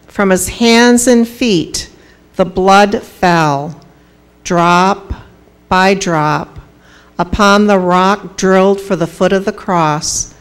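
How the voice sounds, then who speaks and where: Female narrator, scripted Bible drama. Solemn, deliberate, unhurried reading at medium pitch.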